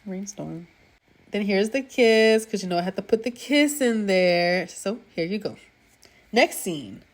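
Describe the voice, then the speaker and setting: A woman's voice: medium pitch, animated, measured pace. A woman giving a casual, gushing recap of a TV drama episode, talking chattily to her viewers.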